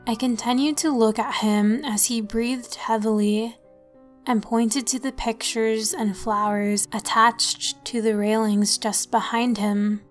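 A woman narrating a horror story in the first person, with a soft, calm delivery. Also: on the high side, takes it slowly, soft background music.

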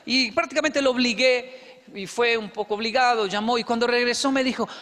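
On a large indoor stage, a motivational speaker with a Colombian accent holds a handheld mic and speaks high in his range. He tells lively stories to the audience, acting out the dialogue with quick asides, while the hall's long reverb trails after his words.

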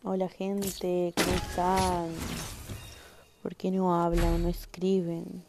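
A woman's voice: lowish voice, monotone, slow. A young woman streaming a game, chatting casually with viewers and giggling often. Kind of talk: casual live-stream chat while gaming. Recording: noisy stream audio with game gunfire behind.

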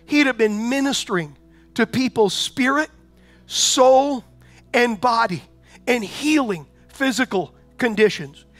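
A pastor with a very high speaking voice preaches a sermon in a conversational style over soft background music. He asks rhetorical questions again and again and builds to loud proclamations.

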